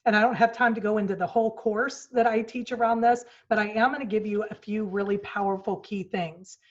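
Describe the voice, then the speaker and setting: A woman in her forties speaks at a virtual retreat with an earnest storytelling manner, acting out quoted lines. Her voice sits at an ordinary middle pitch. The sound is a little dull and muffled, like audio from a video call. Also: steady tone, brisk. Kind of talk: motivational talk. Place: home office. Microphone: video call mic.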